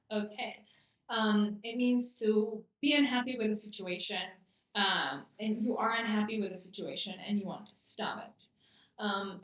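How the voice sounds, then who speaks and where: Woman, English teacher, live stream, patient explanations, echoey room, dull muffled sound. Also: medium pitch. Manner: reads out viewers' comments and explains expressions patiently. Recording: roomy, distant and dull-toned mic.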